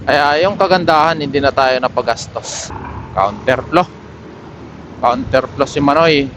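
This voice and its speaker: Riding through city streets, this motorcycle vlogger chats loosely and without a script, his medium-pitched voice unhurried. The helmet intercom microphone captures plenty of passing vehicles and outdoor traffic sound alongside his running commentary.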